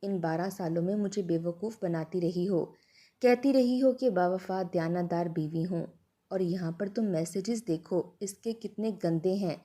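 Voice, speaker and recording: A cruel husband hurls accusations at his wife with open contempt, as a woman narrator puts him on. The voice stays warm and mellow under the harsh words. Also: on the low side, lightly acted. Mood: contemptuous.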